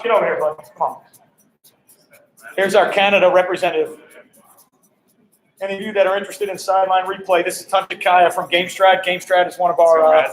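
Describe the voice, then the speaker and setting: Football coach guy on a live stream, high-ish voice, kinda monotone, upbeat shout-outs to viewers. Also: poor audio. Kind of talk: casual live-stream walkaround chat. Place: hotel during a coaching clinic.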